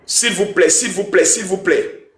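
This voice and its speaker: A young man hosting a live stream, emphatic and loud, who keeps chanting calls to his viewers. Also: sits high, measured pace, reverberant. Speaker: livestream host. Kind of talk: hyped live-stream talk.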